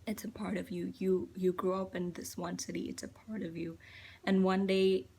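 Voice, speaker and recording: A woman's voice: medium pitch, level tone, moderate pace, a little mellow, slightly rough. A young woman from India speaking to camera in a reflective personal monologue, hesitant and full of fillers. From Chennai, India. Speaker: vlogger.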